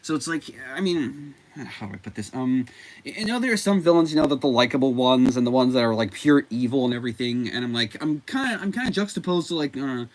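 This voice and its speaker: A man's voice: mid-range voice, lively intonation, fast. A man giving casual commentary as a comic book reviewer, rambling with frequent fillers and self-corrections.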